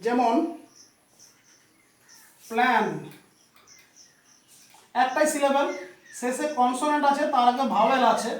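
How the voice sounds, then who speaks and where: A man's voice: very high-pitched, steady tone, a little slow, long pauses. A male teacher giving a classroom grammar lesson, spelling words out letter by letter and often checking in with "okay?". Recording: echoey room, voice from far off.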